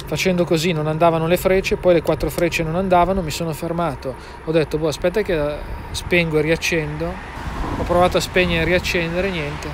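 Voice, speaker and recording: A man's voice: a little high, steady tone, a little fast. A man with a northern Italian accent giving a wry, sweary, exasperated vlog update to camera. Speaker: vlogger. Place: outdoors at a roadside. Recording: noisy outdoor roadside.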